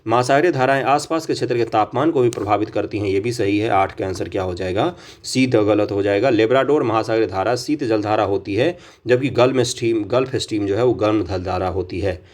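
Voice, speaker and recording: A man's voice: lowish voice, brisk, few pauses. A male coaching teacher who reads out quiz questions and explains the answers, often asking a question and answering it himself. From India.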